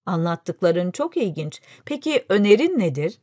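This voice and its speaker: A woman voicing a thoughtful male sultan who asks measured questions. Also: on the low side, very animated, dark tone, dry recording, clean studio sound. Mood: curious.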